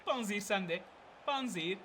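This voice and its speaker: Excitable young man shouting gameplay commentary. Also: sits high, normal speed, slight background noise. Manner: excitable, shouts at players, bursts of laughter. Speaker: gaming channel host.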